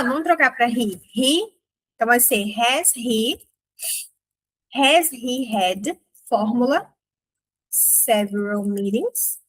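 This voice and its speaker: Woman, English teacher, chatty lesson, slow careful example sentences, fairly high voice. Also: fairly bright tone. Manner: chatty, checks in with the learner often. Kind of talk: online grammar lesson.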